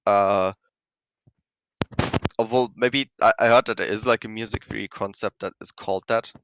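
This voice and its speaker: A man's voice: fairly low pitch, steady tone, normal speed, a bit bright, slight background noise, poor audio. A man teaching rhythm game map design in a casual, rambling way, often correcting himself mid-sentence. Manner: rambling, self-correcting, many fillers. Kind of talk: casual explanatory lesson.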